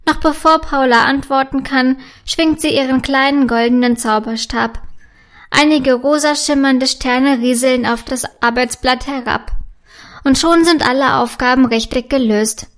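High-voiced woman reading a children's story. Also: a little slow, a bit bright.

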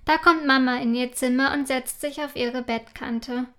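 A woman reading a children's bedtime story aloud in a gentle, calm manner. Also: high-pitched, normal speed, clear, resonant tone.

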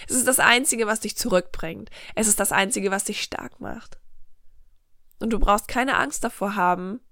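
Earnest woman with a gravelly voice. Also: a little high, a bit bright, dry recording, clean studio sound. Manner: earnest, speaks directly to the listener. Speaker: podcast host. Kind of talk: motivational self-help talk. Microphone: studio microphone.

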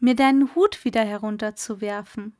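A woman doing a jolly old merman, high and loud. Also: moderate pace, natural voice. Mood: boastful. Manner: high, loud, lively exclamations. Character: old male merman, jovial and sly host.

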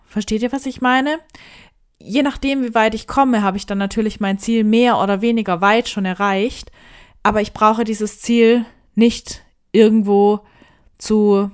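A woman's voice: medium pitch, fairly even intonation, unhurried, clear, resonant tone. A woman who does bodybuilding, talking reflectively and straight to her viewers in a casual advice monologue. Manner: reflective, addresses listeners directly.

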